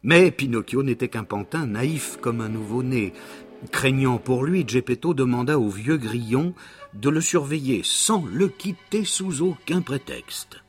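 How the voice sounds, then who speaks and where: A man narrating a children's story in a dramatic storybook manner, slowing down for suspense. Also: mid-range voice, lively intonation. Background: soft background music.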